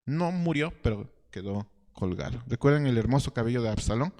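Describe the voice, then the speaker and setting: A man's voice: mid-range voice, expressive, darkish tone. Male preacher in a reverberant hall. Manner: storytelling preaching with rhetorical questions and halting restarts. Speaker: pastor. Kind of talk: sermon. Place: church hall.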